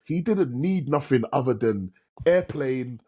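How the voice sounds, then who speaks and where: A man's voice: medium pitch, animated, a little slow, darkish tone, slightly rough. A man with a London roadman accent chatting casually as a podcast host, emphatic and full of slang and swearing.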